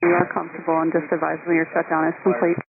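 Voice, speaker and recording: A woman's voice: deep voice, completely flat delivery, racing, gravelly, narrow, tinny audio. A woman working as an air traffic controller, giving composed, courteous procedural instructions over the radio.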